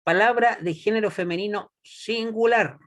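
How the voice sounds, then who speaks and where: A man teaching a Hebrew class, patient and deliberate, often checking that students follow. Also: high voice, a bit bright. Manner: patient, checks understanding with frequent "¿ya?"; slow and deliberate, repeats words for students. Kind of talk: classroom lesson.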